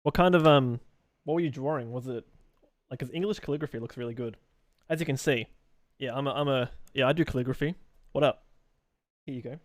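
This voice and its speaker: A young man streaming live, answering chat messages as he draws, in a loose, rambling way. His voice sits at an ordinary middle pitch. The sound is close and dry, with no room echo. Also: fairly quick, pauses often.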